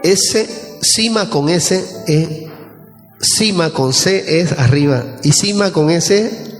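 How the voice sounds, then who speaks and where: A man's voice: a little high, animated, slow. Bolivian man, pastor, sermon, questions to congregation, echoey hall, faint music. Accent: Bolivian Spanish. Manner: asks the congregation questions, explains scripture.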